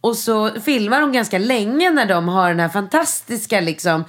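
Gushing and animated, this woman spins casual stories stuffed with fillers, and when she quotes someone, she performs the line in high English.

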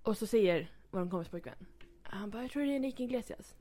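A woman's voice: medium pitch, lively intonation, warm tone. Young woman, casual chat, storytelling, many fillers. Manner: chatty storytelling, acts out quotes, many fillers.

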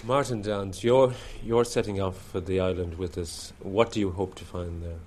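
A man's voice: low-pitched, steady tone, normal speed, darkish tone, slight background noise. A man working as an interviewer, putting questions to guests in a broadcast style.

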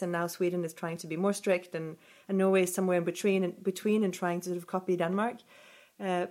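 A woman's voice: lowish voice, a little mellow. Thoughtful woman researcher with many fillers. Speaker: researcher guest. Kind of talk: podcast interview.

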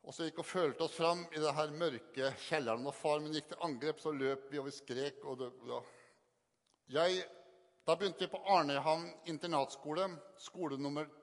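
An older man giving an earnest, halting personal testimony to an audience, often repeating words for emphasis. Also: on the high side. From Northern Norway. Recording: long hall reverb.

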